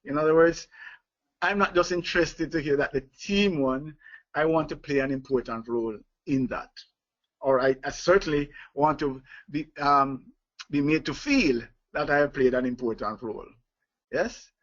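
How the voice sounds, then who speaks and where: A man's voice: on the high side, normal speed. A man leading a live online leadership training, talking with many fillers, restarts and chuckles. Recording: dull lo-fi webinar audio.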